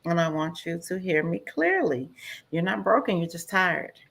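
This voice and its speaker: A woman co-hosting a casual conversation about mental health. Her voice sits a little low, and she speaks gently and reassuringly, affirming the listener as she gives advice. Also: sing-song, normal speed, gravelly. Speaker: podcast co-host. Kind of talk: supportive advice in casual chat.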